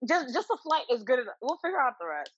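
A woman's voice: sits high, very animated, fast, a bit bright, slightly rough. A woman co-hosting a podcast in a casual, playful, slangy way, sometimes reading aloud. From Zambia. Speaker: podcast co-host. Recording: dull, lo-fi audio.

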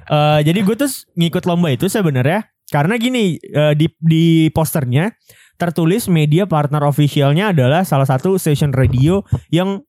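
Young jakarta dude chatting on a podcast, soft mellow tone, bit high, slangy and repeats himself, dry sound. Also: male voice, normal speed, dry recording. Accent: Jakarta Indonesian. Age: young adult. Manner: slangy, joshing, repeats phrases. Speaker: podcast host. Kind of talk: casual storytelling chat.

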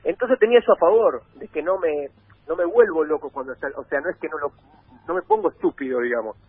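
A man's voice: on the high side, quick pace, slightly rough, no echo. A man with an Argentine accent telling long stories as a guest in a casual chat, rambling with many restarts. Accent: Argentine Spanish. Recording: dry phone-like sound.

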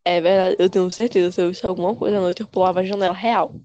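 A young woman with a Brazilian accent, a podcast co-host telling scary stories in casual chat, animated and full of slang, repeating words as she goes. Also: on the low side, fast talker, highs cut off, slight background noise. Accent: Brazilian Portuguese.

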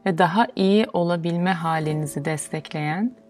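A woman with a fairly low, slightly mellow voice guides a yoga nidra relaxation meditation in an instructional way. Her delivery is slow, soothing and measured, with pauses between phrases, and music is clearly audible behind her.

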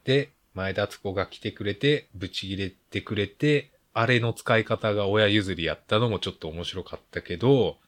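A man's voice: on the low side, moderate pace, few pauses. A man with a Kansai Japanese accent giving a casual solo film review, talking bluntly in rambling, grumbling colloquial asides.

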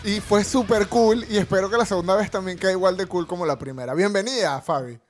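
A man's voice: high voice, a little fast. A man co-hosting a podcast, joking and playfully complaining. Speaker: podcast co-host. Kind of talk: casual chat.

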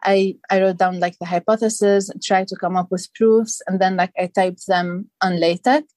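A woman's voice: medium pitch, steady tone, normal speed, darkish tone, dry recording. A young woman from Lebanon, a guest on an interview podcast, explaining her studies thoughtfully with many fillers. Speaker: guest, PhD candidate. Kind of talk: casual interview.

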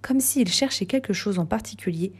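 A woman narrating a novel aloud in the first person, in a soft, half-whispered delivery. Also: medium pitch, lively intonation, moderate pace, slightly rough.

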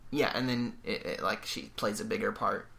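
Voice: medium pitch, fairly even intonation, normal speed, vocal fry, a crowd in the background. A podcast co-host talking eagerly about movies in casual chat, rambling with many restarts and self-corrections.

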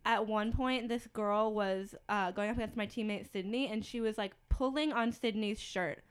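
A young woman in casual chat, telling a story in a quick, lively way. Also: medium pitch, clear, resonant tone.

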